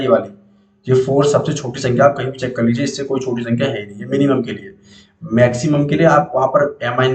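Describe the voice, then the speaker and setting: Guy teaching excel basics, roomy echo, repeats stuff for the students. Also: mid-range voice. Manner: explains step by step, repeats questions to students. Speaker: computer teacher. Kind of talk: screen-recorded spreadsheet tutorial.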